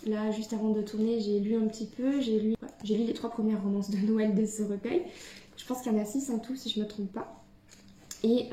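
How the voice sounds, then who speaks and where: A young woman who runs a book vlog chats casually to the camera at home in a warm, medium-pitched voice. She sounds hesitant, with lots of fillers and restarts, and the room is echoey.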